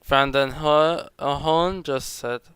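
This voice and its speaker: A young man streams a driving game, teasing his co-host and patiently explaining things, his showing. His voice is bright and very clear. The sound is dry, with no room echo. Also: fairly high pitch, fairly even intonation, slow. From Netherlands. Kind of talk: casual chat while gaming.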